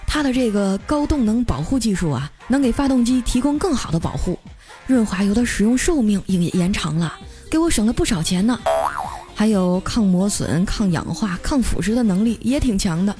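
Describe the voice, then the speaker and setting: A woman doing a gruff dad. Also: mid-range voice, animated, normal speed, mellow, faint music behind, lightly acted. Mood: earnest. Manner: gruff, scolding, blunt. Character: short-tempered Northeastern man nearly forty.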